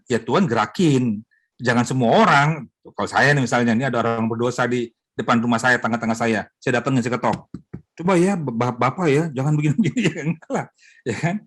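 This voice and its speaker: A middle-aged man, a pastor, teaching a Bible study in a lively, joking way, acting out wives' prayers. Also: medium pitch, a little fast. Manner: animated, joking, mimics wives praying.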